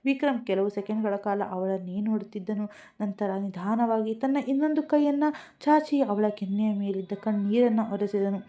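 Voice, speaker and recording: A woman narrating an emotional story in a slow, scripted storytelling manner. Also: mid-range voice, mellow. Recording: dull lo-fi recording.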